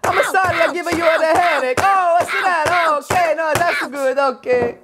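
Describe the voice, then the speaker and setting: A woman voicing Mario, an excitable, scolding cartoon plumber with a mock Italian accent and broken grammar. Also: very high-pitched, normal speed, background noise. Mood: excited, playful. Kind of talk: playful toy unboxing in character.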